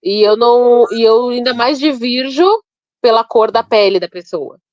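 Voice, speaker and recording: A woman's voice: fairly high pitch, normal speed, darkish tone, no echo. A woman from Brazil, a podcast co-host giving her opinions frankly in a casual discussion. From southern Brazil. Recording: dry, dull lo-fi sound.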